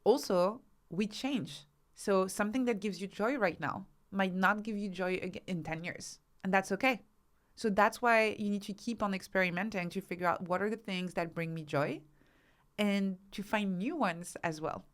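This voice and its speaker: The speaker is a woman, an author and researcher appearing as an interview guest, with a medium pitch and moderate pace. Thoughtful yet emphatic, she often constructs her points out of lists of examples.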